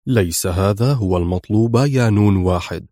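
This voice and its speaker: A man's voice: fairly low pitch, normal speed, mellow, no echo, clean studio sound, natural voice. A man reading a stern, grave spy chief. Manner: firm, grave. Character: stern middle-aged male intelligence chief.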